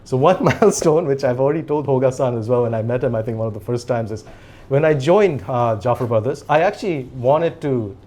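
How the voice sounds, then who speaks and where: This podcast interview features a CEO in his forties whose first language is Japanese, rambling through stories in casual conversation with little laughs between phrases. He speaks fairly quickly in a mid-range, darkish voice.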